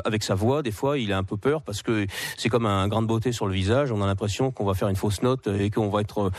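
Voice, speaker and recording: A man, a high school music teacher, talking about his students in a live radio interview, hesitant with many fillers and restarts. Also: no room sound, clean studio sound.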